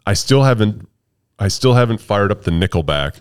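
A man's voice: lowish voice, expressive, moderate pace, smooth. A man hosting a casual podcast in a studio, joking around and laughing often. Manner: playful and jokey, laughs often. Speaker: podcast host.

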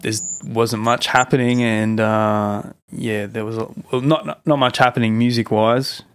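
A man's voice: mid-range voice, fairly even intonation, unhurried, a bit bright, clear, resonant tone. A man hosting a podcast, chatting in a laid-back, informal way. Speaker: podcast host, musician. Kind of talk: casual chat.

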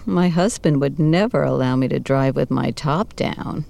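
An actress playing a coy, sultry married client in a parody noir audio drama, speaking softly. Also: female voice, a bass voice, normal speed, creaky, heavily acted. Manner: soft-voiced, coy.

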